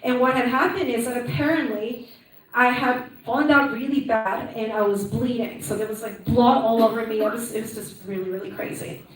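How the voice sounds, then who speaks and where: A woman's voice: a little high, fairly even intonation, a little fast. A woman in her thirties from Peru, telling her personal story as a conference speaker in a chatty, upbeat way, often tagging on "right?". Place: conference hall. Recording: echoey hall, mic from a distance.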